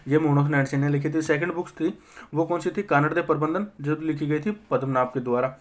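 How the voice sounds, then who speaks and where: A young man teaching a history lesson for exam prep. He asks himself quick questions, answers them, and keeps checking in with his listeners. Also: on the high side, steady tone.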